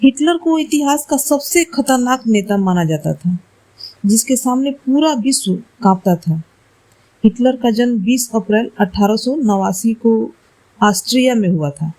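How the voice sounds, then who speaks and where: Slow, mellow-voiced woman teaching exam facts. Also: a little high, expressive, rough recording. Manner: slow, deliberate explaining, corrects herself aloud. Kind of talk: reading quiz answers for exam study.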